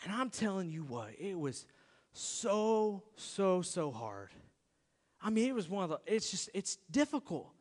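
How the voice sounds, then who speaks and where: Male pastor mid-sermon, animated and self-mocking, pitched high, recorded in a reverberant hall. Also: a little slow. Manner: animated storytelling, acts out his own outbursts.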